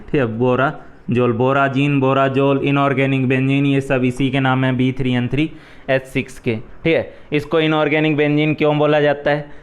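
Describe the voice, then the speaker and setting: Male chemistry teacher with a Hindi accent, clear and resonant voice, patient step-by-step revision delivery. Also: medium pitch. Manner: explains step by step, repeats "ठीक है" often. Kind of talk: exam revision lecture.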